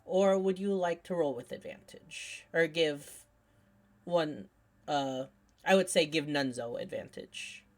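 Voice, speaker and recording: Slow-talking woman game master. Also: sits low. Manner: unhurried, relaxed with fillers. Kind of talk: narrating a tabletop game.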